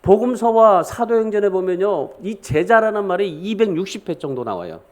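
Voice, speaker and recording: A man's voice: high voice, expressive, moderate pace, a little mellow. A middle-aged male pastor preaching a sermon in a church, emphatic and often putting questions to the congregation. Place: church sanctuary.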